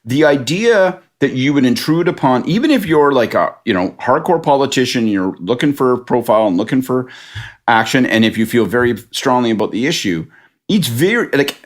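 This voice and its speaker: Man, political panelist, halting speech, casual chat. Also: medium pitch, animated. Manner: halting, many restarts, thinks aloud.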